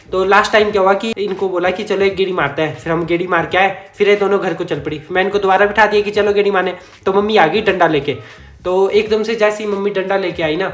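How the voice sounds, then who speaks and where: A man vlogger telling a personal story in a chatty, rambling way, correcting himself and chuckling as he goes. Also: high voice. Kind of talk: casual storytime narration. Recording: echoey room.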